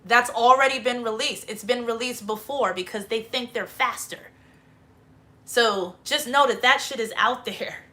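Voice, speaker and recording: Profane, emphatic woman with a bright voice. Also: a little high, a little slow. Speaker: livestream host. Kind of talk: casual spiritual monologue.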